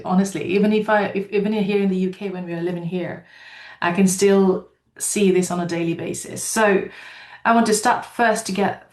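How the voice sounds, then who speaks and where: A Nepali woman with a Nepali accent, a company founder, tells her own story earnestly during a webinar talk, using frequent ums. Her voice is medium-pitched and a little mellow, and the sound is reverberant.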